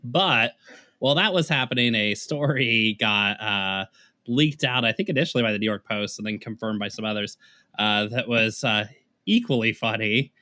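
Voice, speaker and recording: Sarcastic, bright-toned man co-hosting. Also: mid-range voice, dry recording, studio quality. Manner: sarcastic, swears a lot, laughs often. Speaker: podcast co-host. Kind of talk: casual political chat.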